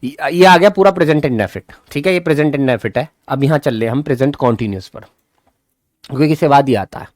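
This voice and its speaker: A man teaching English grammar in a live online class, talking fast, then slowing right down to spell out English example sentences. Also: medium pitch, lively intonation, no echo, studio quality.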